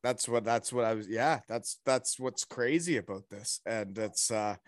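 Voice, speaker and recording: A man's voice: on the low side, measured pace, dry recording, clean studio sound. A man chatting casually with old friends on a video call, laughing often as he tells stories. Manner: laughing, animated storytelling. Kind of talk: casual chat.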